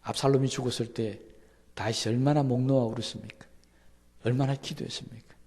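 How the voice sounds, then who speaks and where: A man's voice: steady tone, fairly quick. Male pastor, sermon delivery, mid-range voice, big dynamic swings, rhetorical questions, long church reverb. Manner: swings from loud emphatic peaks to soft low asides; asks the congregation many rhetorical questions. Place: church sanctuary.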